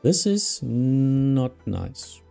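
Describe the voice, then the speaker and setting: A man's voice: mid-range voice, big pitch swings, very slow, vocal fry, warm tone, faint music behind. A man with a German accent streaming as an air traffic controller, mixing radio phraseology with casual remarks.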